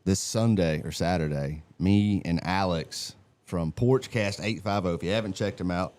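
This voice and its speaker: A man, co-hosting a live stream and telling stories in a colorful, animated way. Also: deep voice, normal speed, no echo. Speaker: co-host. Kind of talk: casual live-stream chat and storytelling.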